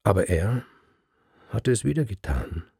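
A man reads a literary story aloud in a slow, measured, solemn manner. His low voice is gravelly and husky. The recording is dry and close. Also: very animated, mellow, no echo.

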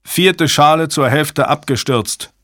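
A man reading an audiobook, voicing a panicked technician who shouts out warnings. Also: a little high, takes it slowly, no echo, clean studio sound, voice pushed up. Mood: alarmed. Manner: shouting alarms. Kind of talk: audiobook character voice.

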